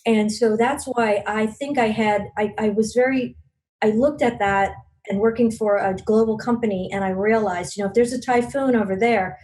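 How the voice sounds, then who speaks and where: Her voice is a little high and a little mellow, fairly even in intonation and moderate in pace, though the audio is poor. This podcast guest, a regional business network leader from Long Island, New York, tells stories with earnest conviction, frequently pausing on fillers and restarting.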